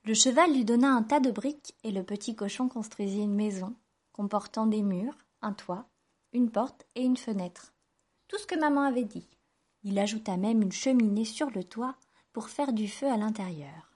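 A woman's voice: fairly high pitch, moderate pace, darkish tone. Woman reading a fairy tale aloud. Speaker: storyteller.

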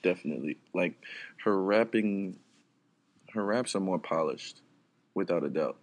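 A man's voice: low-pitched, unhurried. A young adult man co-hosting a casual podcast, easygoing and agreeable, often chiming in with "right.". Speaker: podcast co-host. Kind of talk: casual chat.

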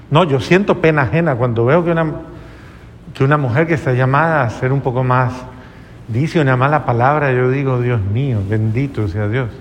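A man's voice: mid-range voice, in a large hall, a little hiss or hum. A man, a priest, delivering an earnest, moralizing sermon full of rhetorical questions.

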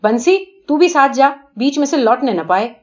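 A woman's voice: mid-range voice, expressive, darkish tone, natural voice. Brief: stern, irritable middle-aged father barking orders, read by a woman; muffled lo-fi sound. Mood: stern scolding. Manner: scolding, commanding. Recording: dull lo-fi recording.

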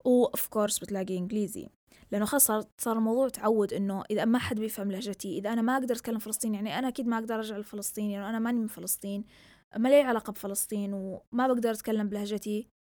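A young host from southern Yemen races through her casual solo podcast in a steady, mellow, medium-pitched voice, captured dry at studio quality. She chats and rambles, shifting between Arabic and English with a mixed Yemeni and Saudi Gulf Arabic accent.

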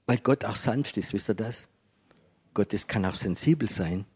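A man preaching to a congregation in a gentle, conversational way, often asking his listeners questions. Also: on the low side, normal speed, slightly rough. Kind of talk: sermon to a congregation.

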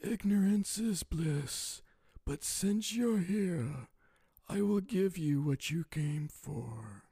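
A man voicing a frail, weary old man in a cursed town, speaking slowly and weakly in a husky, faraway voice. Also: high voice, lively intonation, mellow, no echo, voice pushed up, heavily acted. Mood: grim. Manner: slow, weak, breathy.

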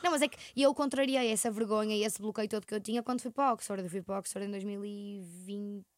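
A woman's voice: medium pitch, fast, no room sound, clean studio sound. A young woman with a European Portuguese accent, co-hosting a casual chat podcast and telling stories in a rambling way with frequent laughs. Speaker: podcast co-host.

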